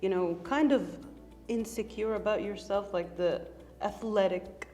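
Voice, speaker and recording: A woman with a mid-range voice co-hosts a relaxed news chat. She keeps asking curious questions in a casual, easygoing way, and faint music plays behind her. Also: medium pitch, a little slow. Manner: curious, asks lots of questions. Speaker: co-host.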